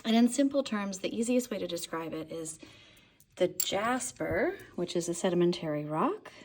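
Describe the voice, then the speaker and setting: A woman guides a casual showcase tour through her crystal shop, enthusiastic and chatty, at times sinking into a near whisper. Her voice is mellow and a little breathy. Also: lowish voice, lively intonation, moderate pace. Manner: enthusiastic, drops to whispers now and then. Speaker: shop owner. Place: crystal and mineral shop, indoors.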